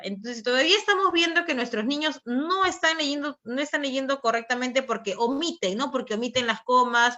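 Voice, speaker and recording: Bright Peruvian woman giving a teacher talk. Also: high voice. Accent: Peruvian Spanish. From Peru. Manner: tag questions, frequent fillers, conversational. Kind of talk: online teacher training talk.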